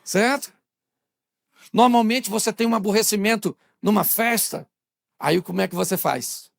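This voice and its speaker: A man's voice: high voice, moderate pace, vocal fry, dry recording, studio quality. A male pastor from Brazil giving a humorous sermon in a church, talking straight to the congregation and acting out little scenes.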